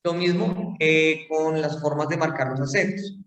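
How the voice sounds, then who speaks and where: A man's voice: on the high side, fairly even intonation, a little slow, fairly bright tone. A man giving a phonetics lecture, explaining step by step with fillers and check-in questions. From Colombia. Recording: roomy hall, mic far off.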